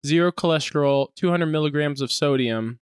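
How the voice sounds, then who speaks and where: A man's voice: a little high, brisk, clear, resonant tone, no room sound, studio quality. A man with a Texan accent co-hosting a podcast, jokey and laughing a lot in casual chat. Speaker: podcast co-host.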